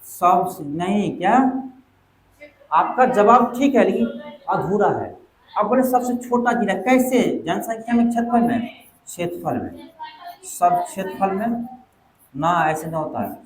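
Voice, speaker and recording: A man's voice: high-pitched, big pitch swings, a little hiss or hum. A man teaching an exam coaching class, firing questions at his students. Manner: quizzes students, quick back-and-forth questions. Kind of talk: classroom lecture. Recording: echoey classroom.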